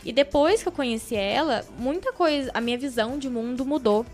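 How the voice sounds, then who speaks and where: Bright-voiced young woman telling a story. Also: high voice, brisk, soft background music. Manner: animated, emotional storyteller who acts out quoted voices. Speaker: podcast guest. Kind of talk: casual podcast storytelling.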